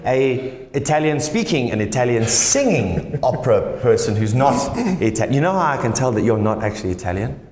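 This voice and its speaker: A man's voice: big pitch swings, fairly quick, few pauses, a little mellow, slight background noise. A playful man hosting a comedic cooking segment, his voice leaping all over the place as he jokes and squeals. He sounds like he's in an echoey hall with a long reverb tail. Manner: playful, jokey, bursts into high squeals and laughter. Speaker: host. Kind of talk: comedic cooking show banter.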